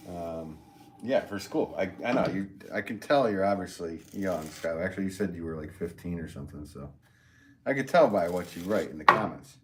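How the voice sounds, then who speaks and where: A low-pitched American man talks casually on a livestream. He rambles along, half to himself and half to his viewers, as a working potter. There is faint noise and some clicking in the recording. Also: animated, fairly quick. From United States. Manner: rambling, chatty, talking to himself while working. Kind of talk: casual livestream chat, reading comments.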